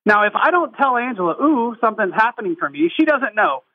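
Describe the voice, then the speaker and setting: A man's voice: high voice, big pitch swings, fairly quick, phone-quality sound. A man guest on a podcast, explaining his feelings reflectively and searching for words as he goes. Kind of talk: casual podcast conversation.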